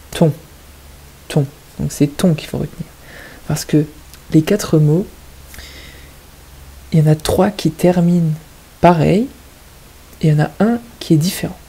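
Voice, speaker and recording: Slow, patient husky-voiced woman teacher. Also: sits low, warm tone, poor audio. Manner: slow, patient, stresses words and syllables. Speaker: kindergarten teacher. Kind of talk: teaching young children at home.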